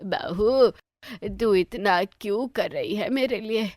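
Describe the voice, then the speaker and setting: A woman voicing a sharp-tongued, middle-aged mother-in-law in a cartoon story, scolding and taunting. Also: mid-range voice, slow, no room sound, studio quality, natural voice. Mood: remorseful. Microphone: dry close voice-over.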